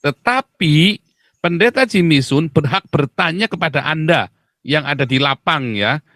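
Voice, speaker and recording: A man's voice: on the high side, lively intonation, measured pace, fairly bright tone, no echo. A man, a pastor hosting a live stream, talks casually, jokes around and confesses his past with emotion. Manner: joking, then confessional and emotional. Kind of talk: casual preaching chat.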